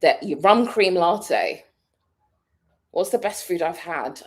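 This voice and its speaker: A British woman vlogs casually, thinking out loud and drifting from one thing to the next. Her voice sits low, but it rises and falls in a lively way. She laughs easily as she talks. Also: takes it slowly. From Britain. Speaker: vlogger. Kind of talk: casual vlog chat.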